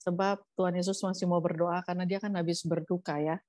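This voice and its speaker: A woman pastor from Indonesia giving a casual, chatty sermon, lively and acting out the story's lines. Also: on the low side, a little fast, dry recording. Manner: chatty, lively, acts out quotes. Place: church.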